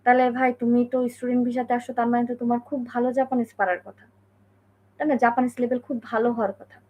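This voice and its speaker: A woman from Bangladesh gives a casual, conversational spoken lesson, explaining things with many fillers and frequent check-ins with the listener. Her voice is a little high and darkish, level in tone, and very fast.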